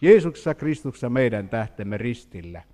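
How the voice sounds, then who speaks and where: Man preaching, animated storytelling, lively up-and-down voice, echoing hall. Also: medium pitch. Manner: animated storytelling with questions to the congregation. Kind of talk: sermon. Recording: hall reverb.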